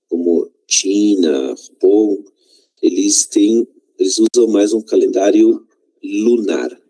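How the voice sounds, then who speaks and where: A man's voice: fairly low pitch, mellow, breathy edge, rough recording. A man whose first language is Spanish, teaching a Portuguese lesson and often slipping Spanish words in, checking in with "né?" and "tá?".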